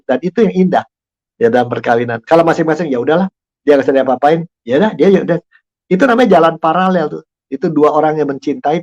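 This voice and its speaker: An older man speaking as a guest in a casual talk show, lively and laughing often as he acts out conversations. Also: on the high side. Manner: animated, acts out quoted dialogue, laughs often. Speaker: guest speaker, lecturer and author.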